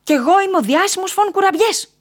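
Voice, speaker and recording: A woman voicing a proud, fussy male sugar-cookie baron who protests indignantly, in a storybook reading. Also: on the low side.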